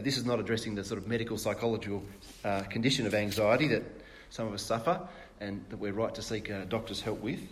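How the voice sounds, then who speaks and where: Conversational man preaching a sermon. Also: medium pitch. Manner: conversational, rhetorical questions, frequent fillers and restarts.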